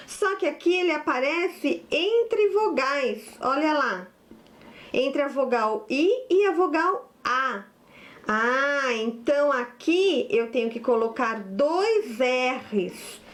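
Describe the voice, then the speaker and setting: A woman teaching a spelling lesson in Brazilian Portuguese, patiently spelling out each rule step by step. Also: sits high. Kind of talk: slow, didactic spelling lesson.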